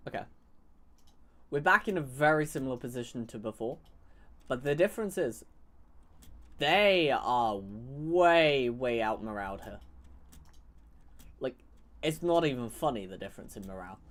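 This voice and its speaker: A man's voice: medium pitch, animated, moderate pace, pauses often, fairly bright tone. A man giving casual, rambling commentary on a strategy game he is playing, often restarting phrases and mocking his opponents sarcastically. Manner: rambling, sarcastic, self-correcting. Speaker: gaming YouTuber.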